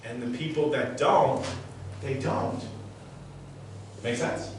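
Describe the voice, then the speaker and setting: A mind reader and stage performer works a live crowd in a large, echoey room, his mid-range voice moving slowly. He speaks with intensity and emphasis, circling back to phrases and giving short commands, as part of a motivational talk with an audience demonstration. The mic sits some distance away, and a faint hiss runs beneath the heavy reverb.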